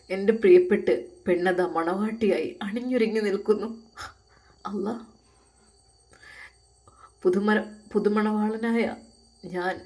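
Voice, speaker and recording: A woman's voice: mid-range voice, a little mellow, close to an everyday voice. Woman doing a tearful young cleric, pleading prayer, storybook. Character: young male religious teacher, tearful and devout.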